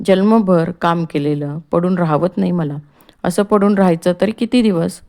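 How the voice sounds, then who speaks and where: A woman's voice: lowish voice, moderate pace, gravelly, warm tone. A woman reading as a sick, fretful old man. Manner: complaining, agitated. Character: ailing older man, restless, fretful householder.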